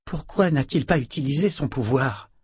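A man's voice: mid-range voice, expressive, moderate pace, darkish tone, slightly rough, dry recording, studio quality, pitched above the performer's own voice. A man voicing a grieving yet commanding woman leader in a novel. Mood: grave. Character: grieving woman, powerful ruler.

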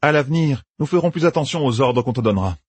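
A stern woman, as a man puts her on, cool and measured in a raised pitch. Husky, breathy voice, dry and close. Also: expressive, no room sound.

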